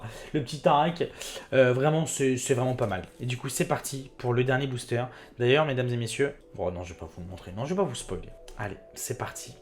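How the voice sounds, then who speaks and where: A man hosting his own card-opening video, chatting excitedly and talking straight to his viewers. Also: medium pitch. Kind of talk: casual card unboxing commentary.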